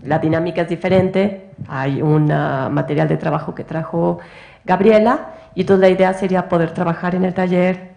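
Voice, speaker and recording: A woman's voice: lowish voice, fairly even intonation, a little fast, gravelly, dark tone. A woman moderating a university event, explaining the next steps in a hesitant way with filler words. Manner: hesitant, uses "este" filler. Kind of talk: organizing remarks. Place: university auditorium.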